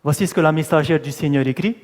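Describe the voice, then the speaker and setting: A man's voice: a little high, fast, a little mellow. Man, preacher, sermon, questions and answers, long hall reverb. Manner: asks the audience questions and answers them, stressing key words. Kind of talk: sermon teaching.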